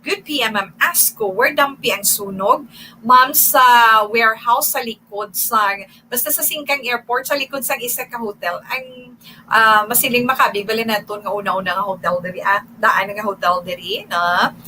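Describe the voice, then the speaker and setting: A woman with a Hiligaynon accent hosts a radio program, reading listeners' greetings in a chatty, meandering way. Her voice sits a little high and sounds bright and forward. A faint hum of noise stays under the studio recording. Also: rough recording. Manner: chatty, reads names with pauses and fillers. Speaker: radio host.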